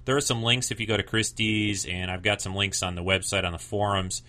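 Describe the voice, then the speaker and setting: A man's voice: fairly low pitch, steady tone, a little fast, sharp tone. A man hosting a show with casual, rambling commentary, informal and a bit hesitant. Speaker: podcast host.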